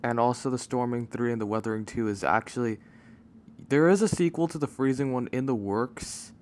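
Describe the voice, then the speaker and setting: Speaking into a mic without a pop filter, a video creator offers an offhand, unscripted channel update in a mid-range, slightly mellow voice. His delivery wanders and stalls as he keeps losing track of what he was saying, and there's a faint hiss or hum.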